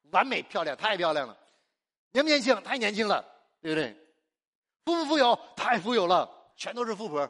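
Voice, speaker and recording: Man, preacher, sermon, high voice, lively swings in pitch, call-and-response, exuberant. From China. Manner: call-and-response, asks the congregation and answers himself; exuberant and emphatic, laughs often.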